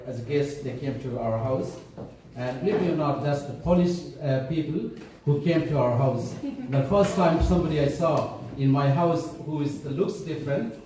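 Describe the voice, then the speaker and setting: A middle-aged man from Bangladesh giving a halting speech full of fillers and restarts, as a councillor at an event. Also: a little high, mellow, a little hiss or hum. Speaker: city councillor. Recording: echoey hall, voice from far off.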